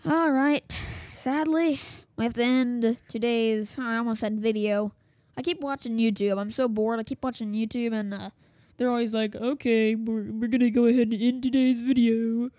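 This host of a school radio news show sounds worn as she loses her voice, chatting and rambling from her home office with frequent fillers, restarts and self-interruptions. Her fairly high, darkish voice holds a steady tone at a moderate pace. A desktop setup with a small soundboard captures her with no room sound.

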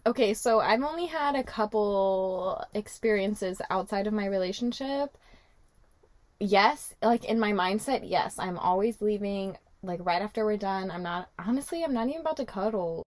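A woman's voice: mid-range voice, lively intonation, normal speed, no echo. A woman podcaster recorded inside a closet, chatting casually and brashly with lots of swearing and "like". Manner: brash, sweary, heavy use of "like". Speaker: podcast co-host. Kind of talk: casual raunchy chat.

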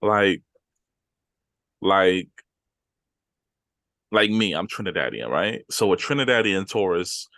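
A man's voice: sits low, animated, takes it slowly, pauses often, a bit bright, dry recording, clean studio sound. A man co-hosting a podcast in casual, teasing, slangy banter. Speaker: podcast co-host.

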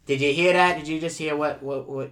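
A man hosting a comedy show in improvised chat, talking in a rambling, halting and effusive way. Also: on the high side, steady tone, a bit bright.

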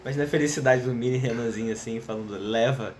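A man's voice: medium pitch, steady tone, very fast, darkish tone. A Brazilian man co-hosting a podcast, telling casual anecdotes in an informal way. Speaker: podcast co-host. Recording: faint background noise.

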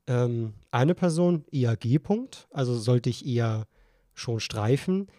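A young man rambling through a tipsy podcast story, restarting sentences as he goes. His voice is mid-pitched and recorded dry and close, with no room sound. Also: expressive, slow pace, mellow, no echo. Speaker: podcast co-host. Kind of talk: casual chat.

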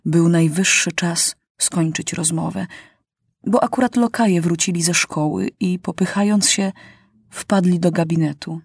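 A woman narrating an audiobook of a children's novel in a calm, measured way. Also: fairly low pitch, gravelly, breathy edge, no echo, studio quality.

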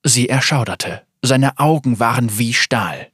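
A man narrating a dramatic story in a measured, scripted reading. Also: mid-range voice, fairly bright tone, husky, no room sound, clean studio sound.

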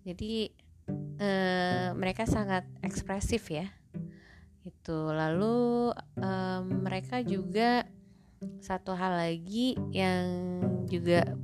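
A woman's voice: fairly low pitch, fairly even intonation, unhurried. An Indonesian woman telling a chatty story about her exchange year, full of fillers and switching into English phrases. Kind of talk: casual storytelling monologue. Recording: clear music playing under the voice.

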